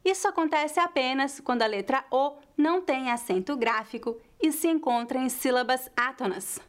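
A woman from Northeast Brazil with a mixed Brazilian Portuguese accent closest to São Paulo, teaching pronunciation slowly and carefully and repeating example words deliberately. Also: high voice, lively intonation. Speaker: language teacher. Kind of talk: pronunciation lesson.

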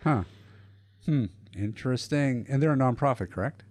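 A man's voice: mid-range voice, normal speed, a little mellow. A man co-hosting a casual talk podcast, joking and opinionated, laughing often. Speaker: podcast co-host. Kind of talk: casual chat.

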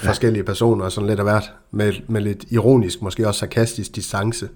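Low-voiced man hosting a podcast. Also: level tone, darkish tone. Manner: chatty, hesitant with fillers. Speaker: podcast host. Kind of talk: casual football podcast.

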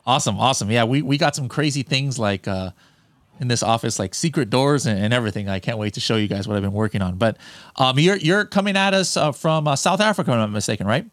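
A man's voice: mid-range voice, fast, no room sound. An American man hosting a podcast from his home studio, chatting casually with many restarts. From United States. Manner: relaxed, rambling with many restarts. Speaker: podcast host. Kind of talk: casual interview chat.

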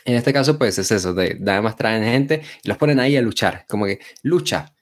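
Man, lowish voice, casual wrestling co-host, informal halting delivery, chatty asides. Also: animated.

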